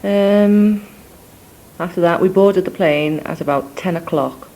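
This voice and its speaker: A warm, fairly low voice at a measured pace belongs to a young woman whose accent blends Scouse with Scottish. She meanders through a spoken cassette letter to her family, full of ums and asides. The indoor recording is low quality with a touch of hiss or hum.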